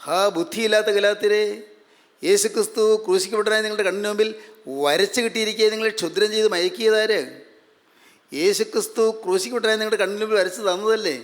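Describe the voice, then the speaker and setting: A man's voice: high voice, steady tone, fast talker. A man preaching a sermon, repeating phrases and asking rhetorical questions. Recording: long hall reverb.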